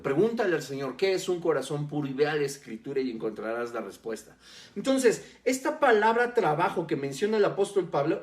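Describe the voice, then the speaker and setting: A man preaching a sermon as a pastor, teaching earnestly and speaking straight to the listener. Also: a little high. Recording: roomy echo.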